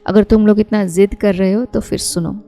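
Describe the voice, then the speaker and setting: A woman voicing a cheerful, teasing young housewife who writes stories, in a mellow tone. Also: medium pitch, steady tone, moderate pace, vocal fry, faint music behind, natural voice. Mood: playful. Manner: playful, teasing.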